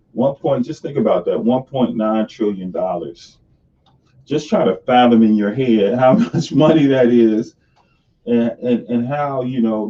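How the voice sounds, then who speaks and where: A man's voice: lowish voice, dark tone. A man hosting a casual live stream from his home sunroom office. He talks loosely and restarts his sentences, and his voice is picked up by the camera on his screen, so it sounds hollow, like a cave. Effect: hollow, cave-like echo. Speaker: host of a live money stream. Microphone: camera on top of the computer screen. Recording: distant, dull webcam-mic sound in a hollow room.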